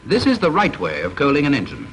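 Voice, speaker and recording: This training-film narration comes from a man with a British accent reading a formal script in a measured, stern, instructive manner. His medium-pitched voice swoops wildly in pitch and has a fairly bright tone, heard over the faint hiss of a vintage soundtrack.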